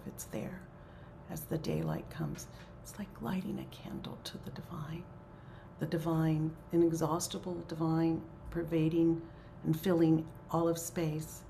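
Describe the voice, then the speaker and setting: Slow, gravelly-voiced woman leading prayer. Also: low voice, slight background noise. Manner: slow, soft, often half-whispered delivery. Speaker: spiritual leader of a prayer circle. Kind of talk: gentle spiritual talk and prayer.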